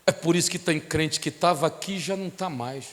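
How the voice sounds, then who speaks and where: A man's voice: a little high, fairly quick. A male pastor preaching a sermon, telling stories and driving his points home with passionate force. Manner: impassioned, storytelling preacher. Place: church sanctuary. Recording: long reverb of a church hall.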